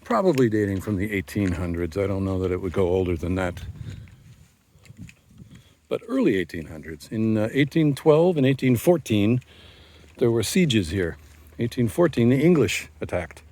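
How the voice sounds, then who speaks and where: A man narrating a casual walking tour of an old fortress outdoors, rambling with many pauses and fillers, recorded on a handheld camera mic. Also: lowish voice, sing-song, dark tone, a little hiss or hum. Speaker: tour guide vlogger.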